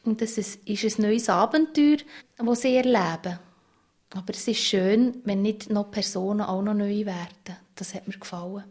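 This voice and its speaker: A woman's voice: medium pitch, moderate pace, a little mellow. A woman, reflecting on her childhood reading. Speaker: interviewee. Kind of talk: reflective personal account.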